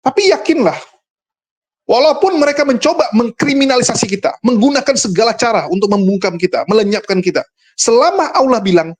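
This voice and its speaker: A man's voice: very high voice, lively intonation, a little fast. A man who hosts the show and talks in a casual, argumentative monologue, scornful and full of rhetorical questions aimed at his viewers. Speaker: host and religious commentator.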